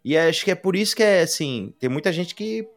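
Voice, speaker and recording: A man's voice: high-pitched, lively intonation, quick pace. A man with a Brazilian Portuguese accent, co-hosting a casual film chat in an informal, slangy way, enthusiastic and emphatic, often repeating himself for stress. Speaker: podcast co-host. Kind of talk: casual chat about films.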